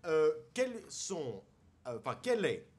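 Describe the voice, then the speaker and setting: Animateur masculin, questions taquines, intonation très mobile. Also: male voice, a little high, huge pitch swings, a little slow, a crowd in the background. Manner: probing, teasing questions. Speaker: host. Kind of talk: talk show interview.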